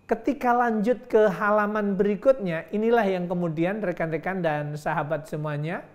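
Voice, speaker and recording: A man's voice: sits high, fairly even intonation, normal speed. A middle-aged man giving a lecture on teaching Quran reading, patiently drilling syllables aloud and praising as he demonstrates.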